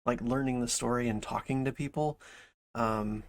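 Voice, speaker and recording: A male streamer gives off-the-cuff reaction commentary in a mid-pitched voice. He rambles as he thinks aloud, piecing his points together in short fragments. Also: steady tone, normal speed. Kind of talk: casual chat, reaction commentary.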